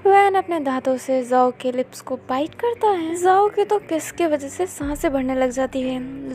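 A woman reading a romantic fan story aloud in a plain, steady storytelling manner. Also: high-pitched, a little hiss or hum.

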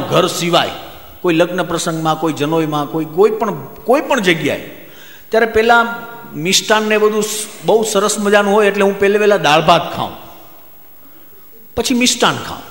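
A man's voice: high-pitched, normal speed, creaky, echoey room, long reverb tail. A man from Gujarat with a Gujarati accent, telling jokes and stories on stage and acting out his friends' lines. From Gujarat, India. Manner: lively joke telling, voices friends in quotes. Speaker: stand-up comedian. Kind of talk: stage comedy storytelling.

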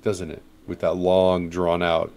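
A man's voice: low voice, monotone, measured pace, darkish tone. A man co-hosting a casual news chat show, with dry, teasing remarks. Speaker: podcast co-host.

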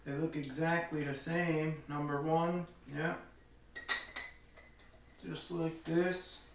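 A middle-aged hobby vlogger takes it slowly as he demonstrates a product, his fairly high voice delivered flatly. He keeps things casual, folksy and plain-spoken in a small indoor room at home. The camera records from a few metres away, so there's heavy echo, a distant sound and faint noise.

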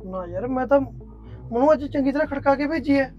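A man's voice: extremely high pitch, animated, brisk, highs cut off, soft background music. A man in a short film playing an older brother who doubts the accusations against his sister. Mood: doubtful.

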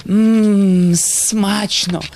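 A woman voicing a naive, hungry little cartoon devil, savouring words in a drawn-out way. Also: medium pitch, steady tone, a little mellow, soft background music. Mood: delighted, grateful.

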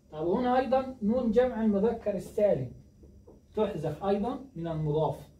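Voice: mid-range voice, warm tone. A teacher giving a grammar lesson who keeps asking questions and answering them, repeating key words. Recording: echoey distant dull recording, faint noise.

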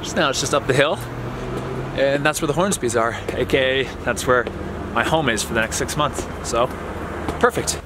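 An American man in his twenties, a soccer player, excitedly vlogging in a rambling casual way on a handheld camera. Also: medium pitch, moderate pace, heavy background noise. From USA. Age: 20s. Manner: excited, rambling, restarts sentences. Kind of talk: casual vlog narration. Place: indoors at home and outdoors in the city. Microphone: handheld action camera.

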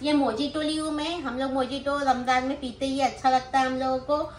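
Vlogging from the floor of a small room, a middle-aged woman with a Mumbai accent runs through her grocery haul in a casual, explanatory way, tagging phrases with questions. Her high voice is brisk and flat in delivery. Someone nearby holds the phone doing the recording, which sounds roomy with a faint background noise.

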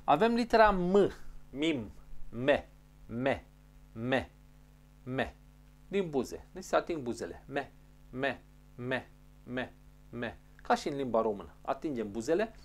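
A man's voice: mid-range voice, very animated, long pauses. A man teaching a pronunciation lesson, patiently repeating each sound and carefully explaining how it is formed. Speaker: language teacher.

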